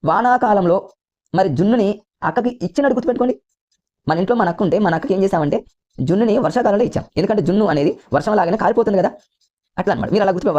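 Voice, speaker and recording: A man's voice: high-pitched, darkish tone, muffled recording. A man teaching an exam coaching lesson with a Telugu accent, repeating points and calling his listeners friends. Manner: rapid, repetitive, keeps addressing listeners as friends.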